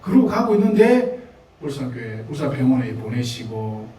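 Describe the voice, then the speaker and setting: Animated Korean pastor with a Gyeongsang accent. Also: male voice, medium pitch, moderate pace, heavy reverb, distant mic, slight background noise, poor audio. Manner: animated, conversational preaching with laughs and asides to the congregation. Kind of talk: sermon. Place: church sanctuary.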